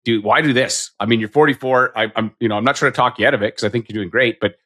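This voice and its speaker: Hosting a casual podcast interview, a man in his fifties asks rambling questions in a chatty, self-deprecating way. He speaks quickly in a mid-range, fairly bright voice.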